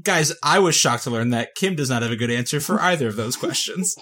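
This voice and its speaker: A man's voice: medium pitch, expressive, brisk, pushed and bright. A man hosting a podcast, recapping a TV movie scene by scene with dry sarcasm. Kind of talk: casual comedic recap.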